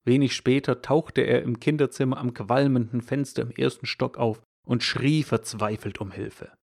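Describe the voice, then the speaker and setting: A man delivering a scripted Christmas devotional, telling a story and then reflecting in a calm preaching manner. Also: medium pitch, normal speed, gravelly.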